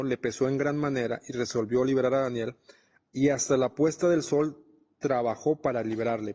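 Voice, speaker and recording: A man's voice: medium pitch, warm tone, long reverb tail. A man preaching a Bible study, reading scripture and explaining it conversationally.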